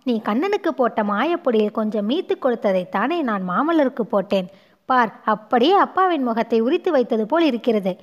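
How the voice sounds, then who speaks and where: A woman's voice: on the high side, expressive, fairly quick, dull audio, lightly acted. A woman playing a proud, impassioned young dancer. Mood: tender. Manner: impassioned, stammering at times.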